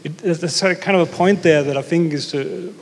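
Guy moderating a panel, lots of um and sort of, kinda high voice, echoey room. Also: a little fast, husky. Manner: hesitant, many fillers and restarts. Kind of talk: panel discussion. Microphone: handheld mic. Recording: reverberant room.

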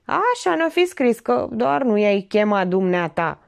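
A woman's voice: fairly high pitch, big pitch swings, gravelly, voice pushed up. Woman voicing a trembling frightened beggar. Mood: timid. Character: frightened paralyzed male beggar. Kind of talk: audiobook character reading.

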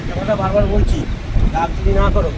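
A man's voice: sits high, steady tone, fast talker, lightly acted. A man playing a cautious driver who insistently warns his passengers, in an amateur short film. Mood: insistent, cautioning. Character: wary male driver warning young women about night roads. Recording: loud vehicle and street noise.

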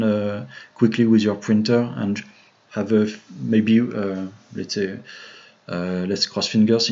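A man with a French accent talks slowly, in a lowish voice, as he walks viewers through a modeling tutorial on a live stream. He hesitates often, filling gaps with "uh" and restarting his sentences. The audio is dull and lo-fi. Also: darkish tone. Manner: hesitant, many fillers and restarts, friendly to chat.

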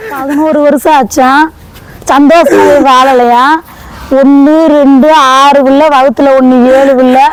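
A man's voice: very high-pitched, little pitch movement, measured pace, rough recording. A man voicing a worried younger sister from a village, asking anxious questions.

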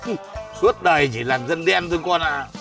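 A man's voice: on the high side, moderate pace, vocal fry, soft background music. A man plays a blustering, hot-tempered retired village mandarin in a folk comedy. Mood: grumbling. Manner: pompous, bossy, shouting threats.

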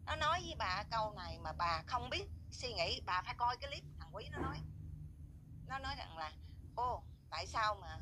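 A woman's voice: a little high, sing-song, moderate pace. Indignant woman scolding on a noisy phone recording. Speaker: viewer voicing complaints. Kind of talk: angry spoken rant.

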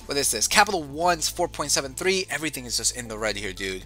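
Bright-voiced man reading stock moves. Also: mid-range voice, fast talker, soft background music. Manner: lively, reads stock figures, says "dude". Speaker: investing show host. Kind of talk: casual market rundown chat.

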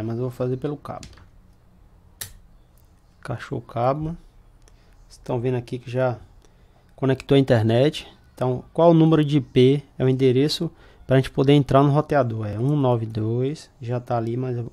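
A man's voice: mid-range voice, dark tone. A man with a Brazilian accent, a computer shop owner, casually walking viewers through setting up a router step by step. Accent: Brazilian Portuguese. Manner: casual, explanatory, talks through screen steps. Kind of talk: hands-on tech tutorial.

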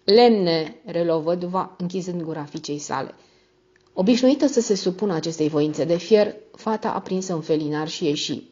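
Low-voiced woman narrating a classic novel. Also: dark tone, husky. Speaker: audiobook narrator. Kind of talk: scripted narration. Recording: dull lo-fi audio.

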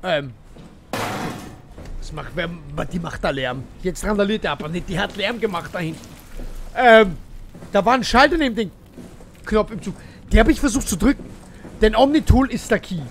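Male streamer, high and bouncy voice, faint hiss behind him; restless, mutters, then bursts out loud. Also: lively intonation, moderate pace, long pauses. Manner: chatty, talks to chat and himself, swings from mumbling to loud outbursts. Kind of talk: live gameplay commentary.

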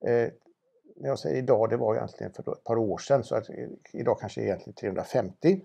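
Gravelly, husky man. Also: medium pitch, dark tone. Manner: knowledgeable, chatty, many restarts. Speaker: car auction presenter. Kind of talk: casual car talk.

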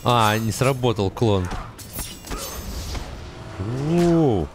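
Fighting game music and effects run underneath as a young male commentator reacts to his gameplay in brief muttered bursts. His voice is lowish and animated, moving at a moderate pace on a close mic.

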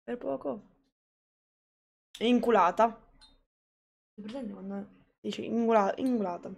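A young woman streams a game live, reacting loudly and cursing as she plays. Her voice has a gravelly fry, and she drawls her words slowly. She keeps calling out to her chat. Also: fairly high pitch. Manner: excitable, swearing, talks to chat.

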